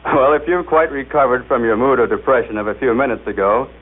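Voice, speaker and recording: American man, 1930s presenter, formal scripted delivery, showmanlike, medium pitch, tinny old radio sound. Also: brisk. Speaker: presenter of a technical demonstration. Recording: tinny, band-limited 1930s radio recording.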